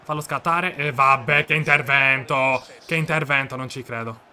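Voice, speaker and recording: A man giving excited live commentary on his own football video game match, shouting and repeating himself in disbelief. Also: medium pitch, normal speed. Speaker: gaming video creator.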